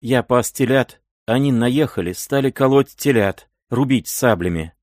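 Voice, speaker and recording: A man's voice: medium pitch, lively intonation, unhurried, darkish tone, no room sound, clean studio sound, pitched above the performer's own voice, lightly acted. A man reading an audiobook, voicing a frightened twelve-year-old peasant boy who speaks in a trembling, breathless rush. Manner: breathless, pleading.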